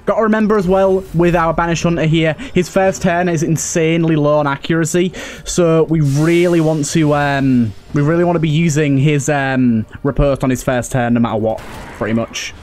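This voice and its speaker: In casual let's play commentary, a man with a slightly high, a little mellow voice thinks out loud and keeps repeating phrases. He speaks at a moderate pace in a steady tone, while game ambience and effects sound clearly behind him.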